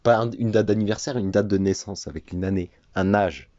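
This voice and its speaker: A man's voice: on the low side, fairly even intonation, brisk, mellow, no echo, lo-fi sound. A teenage man talking casually to his viewers, hesitant and full of filler sounds. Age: teens. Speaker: gamer and video creator.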